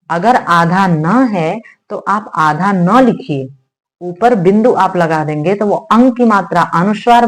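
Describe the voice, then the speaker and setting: Hindi-speaking woman teaching sounds slowly. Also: on the low side. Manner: explains slowly, repeating sounds for students to say; addresses viewers as "beta", asks "hai na?". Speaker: Sanskrit grammar teacher. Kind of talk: spoken online lesson.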